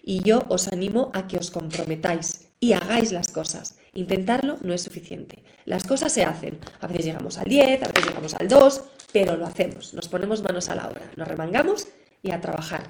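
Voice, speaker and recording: A woman's voice: fairly low pitch, animated, fairly quick, gravelly, poor audio. A middle-aged woman, teaching parents in a live online class in an encouraging manner. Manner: warm, encouraging, acts out examples. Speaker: parenting educator.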